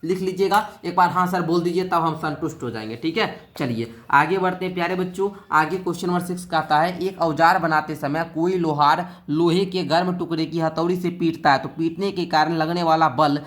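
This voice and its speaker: Male science tutor, slightly high voice, coaxing, reads questions then explains, keeps checking on pupils. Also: steady tone, normal speed, hardly any pauses, a bit bright. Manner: coaxing, keeps asking the pupils "theek hai?". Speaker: teacher. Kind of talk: classroom-style exam answer lesson.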